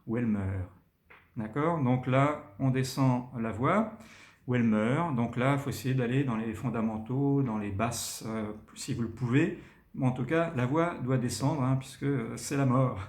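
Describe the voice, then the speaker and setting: Male teacher, mid-pitched voice, reads lines with big swoops up and down, pauses to explain, roomy echoey recording. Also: darkish tone. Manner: demonstrates readings with big rises and falls in pitch; many fillers and checks with listeners. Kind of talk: explaining text intonation to learners.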